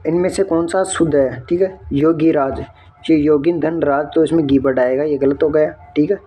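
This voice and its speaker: A man's voice: fairly high pitch, steady tone, normal speed, warm tone, breathy edge. A man working through an exam answer key step by step, often checking in with his viewers. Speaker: exam tutor.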